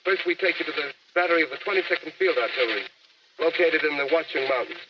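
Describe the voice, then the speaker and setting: A man's voice: on the high side, fast. An actor playing a grave male studio announcer reading urgent news bulletins in a 1930s radio drama, heard through an old AM radio broadcast. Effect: old AM radio broadcast sound. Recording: distant, muffled 1938 radio broadcast with hiss.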